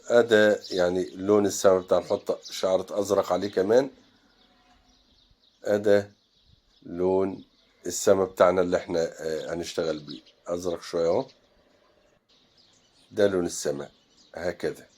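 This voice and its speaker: A man with an Egyptian Arabic accent teaches landscape painting step by step. He talks in a relaxed way and pauses often to think aloud while he mixes colors. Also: low voice.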